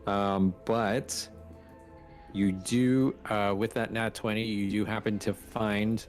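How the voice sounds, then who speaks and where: A young man running a tabletop game as game master, narrating in a relaxed, halting way with many pauses and fillers. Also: fairly low pitch, soft background music.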